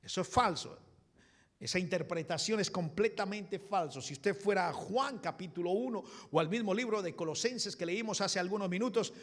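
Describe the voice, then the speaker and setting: Animated preacher in a hall. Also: male voice, high-pitched, fairly quick, hardly any pauses. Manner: animated preaching, shouting quoted verses. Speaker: pastor. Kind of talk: sermon. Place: church hall. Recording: long hall reverb.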